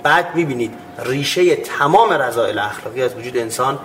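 A man's voice: mid-range voice, lively intonation, a bit bright, a little hiss or hum. A man giving a religious ethics talk in earnest, explanatory tones, acting out imagined dialogues with his listeners. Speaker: religious speaker.

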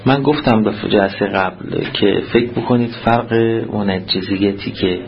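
Low-voiced man giving a seminary lecture. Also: dull audio. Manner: reads Arabic text then explains it in Persian, quizzing students. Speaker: seminary teacher. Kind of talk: classroom lecture on jurisprudence.

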